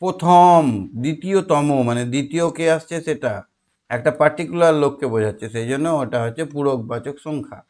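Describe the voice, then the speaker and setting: A man's voice: fairly high pitch, brisk, darkish tone. Man, teacher, homework lesson, patient, repeats and questions. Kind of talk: homework lesson for a young child.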